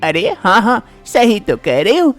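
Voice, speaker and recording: A shrill, sharp-tongued mother-in-law, as a woman puts her on for an animated drama. She nags and scolds with sarcasm. Her voice leaps up high and swings widely. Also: measured pace, soft background music. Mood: scolding.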